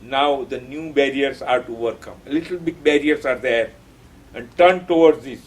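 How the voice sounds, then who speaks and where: A man's voice: mid-range voice, moderate pace, rough recording. A man giving an earnest devotional talk on a poem, stressing his points by repeating key phrases. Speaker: spiritual teacher explaining a poem.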